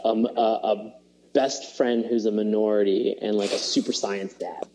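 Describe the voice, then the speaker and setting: A man's voice: on the low side, fairly even intonation, normal speed, darkish tone, slight background noise, poor audio. A man on a podcast chatting casually, rambling with many fillers and restarts and laughing as he retells scenes. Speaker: podcast co-host. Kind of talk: casual chat.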